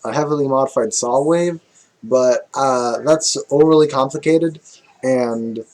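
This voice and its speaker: A man talks at an unhurried pace through a relaxed music tutorial, stopping to think and correct himself as he goes. His pitch sits in an ordinary middle range, and bits of music play behind him. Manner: relaxed, thinking aloud with fillers and self-corrections. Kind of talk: casual screen-recorded music tutorial.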